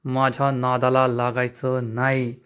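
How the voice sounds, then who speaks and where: A man's voice: medium pitch, completely flat delivery, unhurried, clean tone, pitched below the performer's own voice, lightly acted. A man reading the lines of a young adult son who is furious and defiant, threatening his father in a menacing tone. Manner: shouting, menacing.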